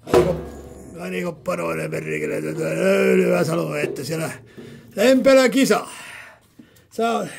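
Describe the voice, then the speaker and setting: A man's voice: high voice, creaky, pauses often, a little hiss or hum. A man heating a sauna and talking to himself, rambling, repeating himself and swearing often. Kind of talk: rambling casual monologue.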